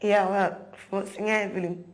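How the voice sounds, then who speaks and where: A woman's voice: low voice, steady tone, fast talker, a little mellow. A young woman giving a personal testimony in a documentary, retelling events with repeated words and acted-out quotes. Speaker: interviewee.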